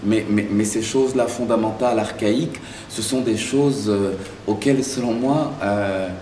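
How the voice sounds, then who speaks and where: A man with a lowish voice gives reflective interview answers, often restarting his sentences as he hunts for the right word. He sits some way from the microphone in an echoey room with a faint hiss underneath. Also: moderate pace, dark tone. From Belgium and Zaire. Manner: thoughtful, searching for words with many restarts. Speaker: playwright and director interviewed. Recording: echoey room, mic far off.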